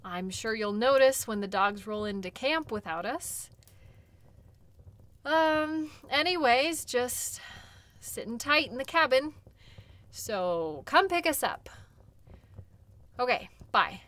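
An audio role-play performer voices a caring, chatty female dog-sled guide who tends wounds in an intimate, one-sided conversation. Her slightly high voice has lively intonation and a slow pace. The mood is upbeat and casual, her manner gentle and reassuring, with conversational pauses.

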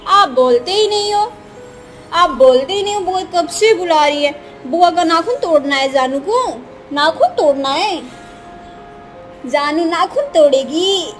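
Indoors at her family home, a woman vlogs in a cooing, sing-song baby-talk style, chatting to her little niece and narrating her day. Her voice is very high and expressive, a little slow with frequent pauses, over soft background music.

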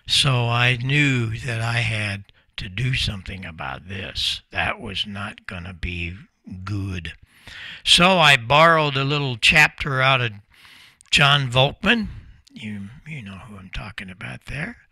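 An American company founder in his 70s or older sits at a desk in a small indoor ham radio room and talks informally, spinning stories with folksy emphasis. His mid-range voice is animated and slow, with vocal fry and a sharp tone. He's close on the desk microphone in front of him, with no echo.

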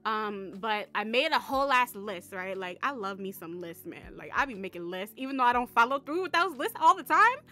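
A woman vlogging in a casual, excitable, rambling way, full of slang and swearing. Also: a little high, fairly quick, hardly any pauses. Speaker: Sims content creator. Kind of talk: casual chatty vlog.

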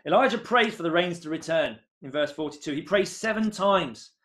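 A man in his thirties delivers an earnest sermon into a desk webcam from a room at home. His voice sits a little high, and he lifts into excited emphasis when he reaches key points. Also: moderate pace. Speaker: preacher.

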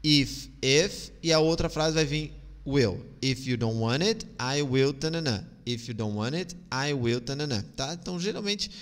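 Brazilian teacher, patient drills, long reverb. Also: male voice, mid-range voice, animated. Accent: Brazilian Portuguese. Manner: patient, repeats phrases slowly and drills pronunciation. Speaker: English teacher. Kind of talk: live online English lesson.

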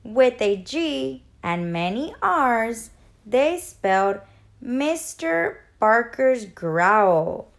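A woman teacher reading a children's picture book aloud in an expressive, gentle storytelling manner. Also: fairly high pitch, extremely slow, creaky.

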